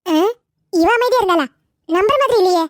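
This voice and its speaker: A woman's voice: extremely high pitch, a little fast, no echo, clean studio sound. A woman voicing a skeptical onlooker who makes sarcastic asides in a cartoon drama.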